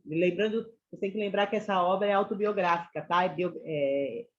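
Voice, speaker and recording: A Brazilian woman teacher giving a chatty online literature lesson to students, often checking in with them. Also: medium pitch. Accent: Brazilian Portuguese. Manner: chatty, addresses students as "gente" and "galera". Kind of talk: online class lecture. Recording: slightly dull lo-fi sound.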